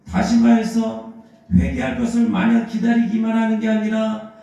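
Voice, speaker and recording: A male pastor delivers a Sunday sermon in a church sanctuary, telling a story and acting out the lines of its characters. His high, mellow voice has vocal fry and moves at a moderate pace with a completely flat delivery. The recording has the echo of a church hall.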